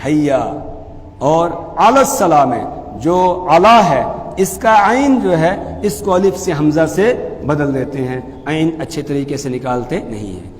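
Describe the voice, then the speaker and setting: A man teaching as a mufti, explaining pronunciation calmly and then chanting phrases slowly and loudly. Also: fairly high pitch, big-room sound. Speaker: mufti teaching the call to prayer. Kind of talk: religious lesson with chanted demonstrations.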